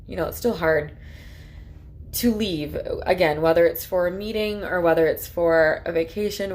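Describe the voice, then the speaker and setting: A woman's voice: fairly low pitch, a little mellow. A woman vlogging in a heartfelt, casual way, rambling earnestly with lots of filler words. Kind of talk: casual heartfelt talk to camera.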